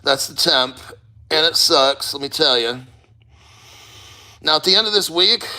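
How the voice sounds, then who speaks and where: This is a crypto channel's livestream host, a man talking from a cold water plunge in a blunt, casual way, mixing loose motivational rambling with swearing. His voice is a little high with a sharp tone.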